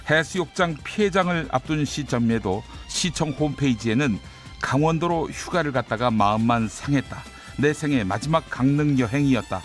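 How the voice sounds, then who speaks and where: Lively Korean-radio male host, faint music. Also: mid-range voice. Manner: indignant editorial delivery. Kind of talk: radio commentary and show opening.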